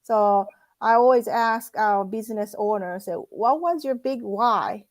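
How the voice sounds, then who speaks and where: Chatty halting woman host. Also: a little high, no echo. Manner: chatty, halting, many restarts and fillers. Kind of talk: casual interview.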